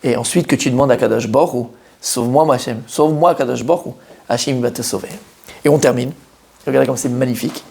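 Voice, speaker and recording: Teaching Torah before a live audience, this rabbi has a gravelly, medium-pitched voice and a fast delivery. Animated and forceful, he puts questions to the group and hammers home key words through repetition.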